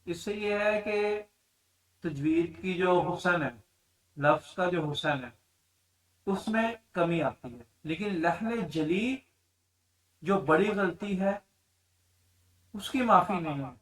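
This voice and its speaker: A man teaching a tajweed lesson, explaining mistakes in plain speech and then chanting the verses slowly. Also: sits high, expressive, far from the mic, low-quality recording. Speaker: Quran recitation teacher.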